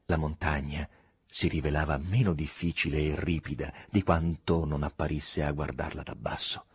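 A man narrating a literary novel in an expressive, measured reading. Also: very deep voice, breathy edge, no echo, studio quality. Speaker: audiobook reader.

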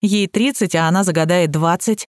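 A woman's voice: on the low side, normal speed, dry recording, lightly acted. A literal-minded man who takes himself very seriously and mumbles without a trace of irony, read by a woman narrator. Kept close to her own voice, dry and near the mic. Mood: deadpan. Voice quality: mumbling, deadpan.

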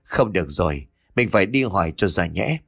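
A man voicing an angry older village man, barking rough threats. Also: deep voice, animated, a little fast, a bit bright, no echo, full character voice. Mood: suspicious.

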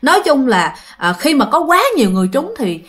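A woman's voice: sits high, very animated, fairly quick, a bit bright. A woman with a Southern Vietnamese accent telling a ghost story in casual chat, often addressing her listeners and acting out the quoted lines.

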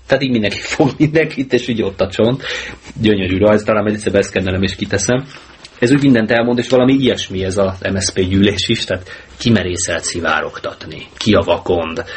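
A man hosting a casual talk radio show, with a slightly low voice and a joking, sarcastic manner that turns lively when he gets going. The recording is low-bitrate mono with faint hiss behind him.

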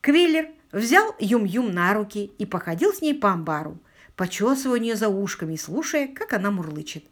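Brief: woman narrator, mid-pitched, very animated storytelling. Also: moderate pace. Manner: expressive storytelling. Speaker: audiobook narrator. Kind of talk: scripted narration.

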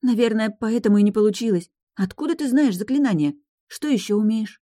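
A woman's voice: fairly quick, dark tone, no echo, studio quality, lightly acted. A woman voicing a jumpy, tearful seventeen-year-old sorceress girl in an audiobook, whiny and panicky. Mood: startled. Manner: whiny, panicky, high-strung. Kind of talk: audiobook character voice.

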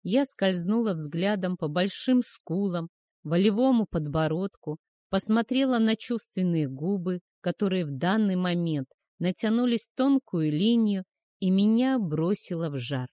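A woman narrating a first-person romance audiobook in a soft, measured, emotional way. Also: on the low side, lively intonation, dry recording, clean studio sound.

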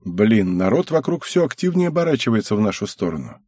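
Husky-voiced man reading an audiobook. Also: lowish voice, big pitch swings, a little fast, mellow, no echo, studio quality. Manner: wry first-person narration. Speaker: audiobook narrator.

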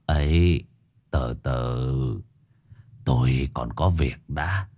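A man voicing an old village shaman who speaks slowly and in a drawl. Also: extremely low pitch, a little mellow, husky, voice pushed down, exaggerated voice. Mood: probing.

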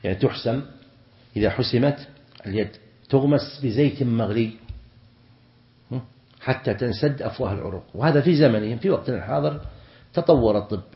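A man's voice: medium pitch, brisk, pauses often, roomy sound, highs cut off. A man, a sheikh teaching a lesson, explains a text and checks that his students follow. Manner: explanatory, asks students whether they follow.

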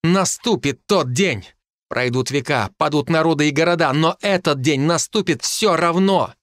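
A man's voice: fairly high pitch, moderate pace, fairly bright tone, dry recording, clean studio sound, lightly acted. A man reading an audiobook voices a desperate, pregnant young noblewoman who pleads frantically. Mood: defiant curse.

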